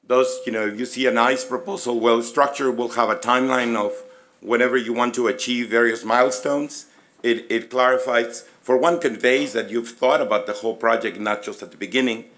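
Male presenter, middle-aged, raspy and losing his voice, halting conversational lecture delivery at a podium mic. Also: medium pitch, fairly even intonation, fairly bright tone. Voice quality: hoarse, raspy voice. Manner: halting, conversational, inviting questions. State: losing his voice, throat-clearing. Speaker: physics professor, presenter. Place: conference room, at a lectern. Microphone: gooseneck lectern microphone.

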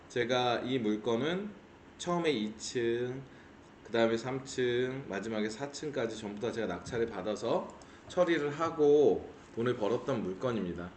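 Measured middle-aged man explaining in an echoey room. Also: medium pitch, expressive. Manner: measured, explanatory, slows to stress points. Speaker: auction investor explaining cases. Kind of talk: explanatory video lecture. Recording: roomy echo, faint background hiss.

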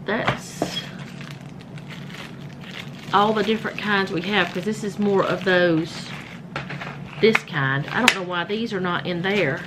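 Mid-range in pitch, this woman talks slowly with long pauses over heavy background noise. She's a home vlogger doing a casual show-and-tell of household items indoors, filming by hand on her phone and rambling with self-corrections.

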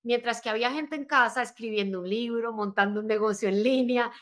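A woman's voice: a little high, brisk, fairly bright tone. A married woman coach telling her own story in an interview, earnest and motivational, often checking in with "right?". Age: adult, married with children. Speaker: life and business coach, podcast guest. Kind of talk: conversational interview, personal story.

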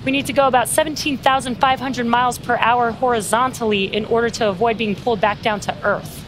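A woman's voice: fairly high pitch, fairly even intonation, a little fast, music in the background, low-quality recording. A woman giving live launch commentary as a webcast host, explaining things as she goes.

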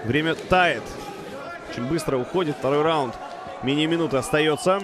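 Guy calling a fight live, excited, high voice, noisy crowd behind him. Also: moderate pace. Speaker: fight commentator. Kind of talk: excited live sports commentary. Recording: loud crowd behind commentary.

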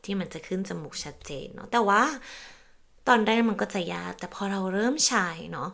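A woman teacher with a light vocal fry, speaking in a gentle and encouraging way. Her first language is Thai, and she keeps slipping into slow, careful Italian phrases for her learners. She adds soft confirming particles as she goes. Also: medium pitch. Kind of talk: casual language lesson.

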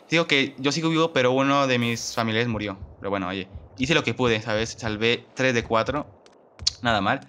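A man's voice: mid-range voice, fairly bright tone, a little hiss or hum. A man giving let's play commentary, exclaiming often and talking straight to his viewers. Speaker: gamer host.

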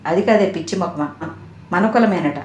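A woman's voice: lowish voice, normal speed, darkish tone, close to an everyday voice. Woman reading as a grumbling middle-aged father. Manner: grumbling, scolding. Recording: echoey room.

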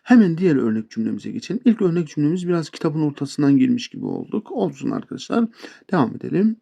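Male tutor, chatty and playful with his viewers, warm gravelly voice. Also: fairly high pitch, sing-song, fast talker, muffled recording. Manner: chatty, addresses viewers as friends, playful asides. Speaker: English teacher. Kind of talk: casual spoken language lesson.

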